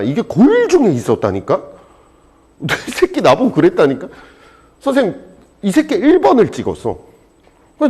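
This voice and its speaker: Male teacher, husky voice, slightly high, pitch leaping all over, jokey lecture. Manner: animated, swings between loud and soft, jokey asides. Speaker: Korean language teacher. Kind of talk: exam prep lecture.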